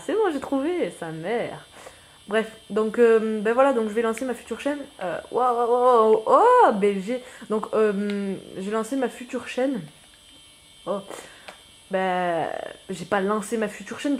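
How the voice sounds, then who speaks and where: A man giving casual gameplay commentary as a new YouTuber, rambling and self-mocking, full of slang and excitable outbursts at the game. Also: sits high, slight background noise.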